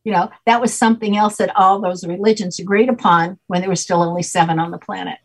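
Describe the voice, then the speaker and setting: Fast and breathy at a steady medium pitch, an older expert guest patiently walks through her subject over a home video call. She often checks understanding with "okay?", and the audio is poor.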